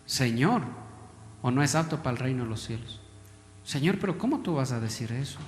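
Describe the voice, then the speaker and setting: A man's voice: medium pitch, animated, fairly quick. A man with an Ecuadorian Spanish accent preaching a sermon as a pastor, pressing the congregation with questions and calling them brother. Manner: preachy, repeatedly addresses listeners as brother. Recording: echoey hall, long reverb.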